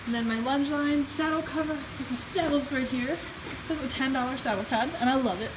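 Speaking a little fast in a high-pitched voice, a young woman films a casual vlog on her phone at arm's length, laughing often as she addresses viewers. She's in a horse barn partly outside in the rain, and the phone audio carries barn noise.

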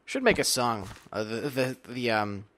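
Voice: mid-range voice, lively intonation, a little slow, fairly bright tone, a little hiss or hum. A video game host giving casual, playful commentary while playing, chatting to themself with silly asides. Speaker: let's play host.

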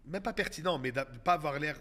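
Speaking fast in a fairly high voice, this thirty-something Québécois man is a comedian guest on a laid-back podcast. He spins lively stories and mixes English words into his French-accented chat.

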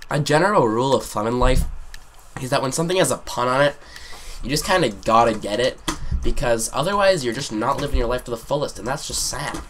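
Teen male gamer, rambling sarcastic storyteller with excited outbursts, typing faintly heard. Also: medium pitch, brisk, slight background noise. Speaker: gaming commentator. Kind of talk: storytime commentary over gameplay. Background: keyboard clicks and typing.

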